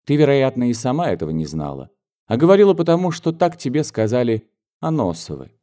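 Playing a spirited heroine from a classic novel, a man pitches his voice far above his own, sounding earnest and reproachful. Her pleading, heated lines rise and swing widely in pitch, sing-song and mellow, delivered briskly and close to an everyday voice.

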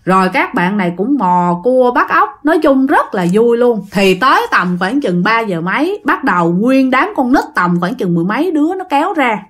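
A woman's voice: fairly high pitch, big pitch swings, normal speed, hardly any pauses, fairly bright tone. A woman telling a ghost story in a chatty, rambling way. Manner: chatty, rambling, filler-heavy. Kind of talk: casual ghost-story narration.

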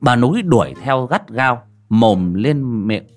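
A man's voice: mid-range voice, animated, takes it slowly. A man narrating a horror audiobook with dramatic storytelling. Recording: faint background music.

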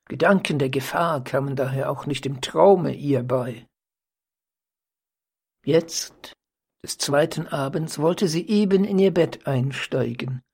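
A reader narrating an old crime story as an audiobook, in a measured, deliberate storytelling manner. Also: mid-range voice, a little mellow, slightly rough. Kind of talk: audiobook reading.

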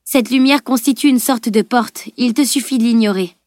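A woman's voice: on the high side, moderate pace, darkish tone, no room sound, clean studio sound, lightly acted. A woman reading an audiobook, voicing a confident teenage heroine who speaks eagerly and reassuringly.

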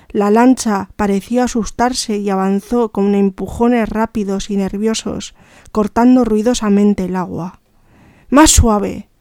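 A woman reading a story aloud slowly and carefully, now and then correcting herself. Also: medium pitch, mellow, smooth, dry recording, clean studio sound. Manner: slow, careful reading with occasional self-corrections. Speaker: story reader.

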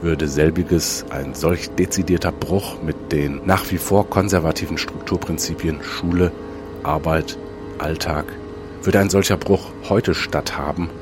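A man's voice: sits low, fairly even intonation, unhurried. A man, presenting scripted commentary and programme summaries as a radio host. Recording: music behind the voice. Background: music.

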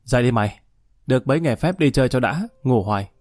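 A cheeky young man, sly and teasing, spoken in a soft mellow voice, as a male storyteller reads him. The recording is dry and close. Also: medium pitch, expressive, quick pace, dry recording, faint music behind, close to an everyday voice. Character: young man, playful and scheming.

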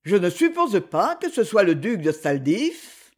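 A man's voice: high-pitched, very animated, a little slow, exaggerated voice. A narrator voicing a sarcastic, threatening male secretary with a cold, mocking manner. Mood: cold menace.

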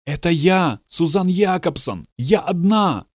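A man's voice: high voice, expressive, slow, no echo, clean studio sound, pitched above the performer's own voice, full character voice. A male narrator voicing a worried young woman journalist who pleads and explains urgently in an audiobook. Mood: pleading. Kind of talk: audiobook dialogue reading.

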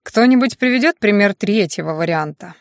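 A woman's voice: mid-range voice, animated, fairly quick, dry recording, studio quality, natural voice. Woman reading a weary stern male magister. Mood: measured lecture.

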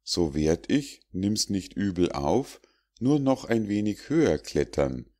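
A clever squirrel who stays politely out of reach, voiced by a man reading a fable. The tone is courteous with a gentle mocking edge. It is delivered low and at an unhurried pace. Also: big pitch swings, exaggerated voice. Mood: polite wary. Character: wary clever squirrel, polite and quick-witted.

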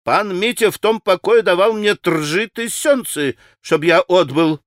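Male reader as haughty Polish suitor, Polish-accented, puffed-up, slightly high voice. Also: unhurried, no echo, clean studio sound. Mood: pompous indignant. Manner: pompous, haughty, indignant. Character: proud touchy Polish gentleman suitor.

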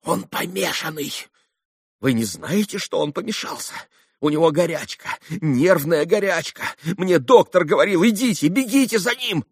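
A man reading an audiobook, voicing a proud, volatile young noblewoman who bursts into sharp, hysterical outcries. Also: mid-range voice, animated, moderate pace, dry recording, clean studio sound, voice pushed up. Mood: urgent. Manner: sharp, hysterical outbursts and urgent whispers.

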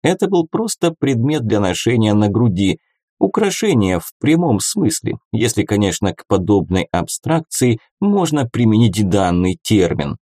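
Man, audiobook narrator, first-person, ironic conversational telling, mellow voice, dry close recording. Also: fairly low pitch, big pitch swings, normal speed, no room sound.

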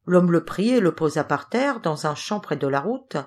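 Woman reading a fairy tale audiobook, lowish voice, very lively melody, steady and clear. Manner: expressive, measured. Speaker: audiobook reader. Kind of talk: storybook narration.

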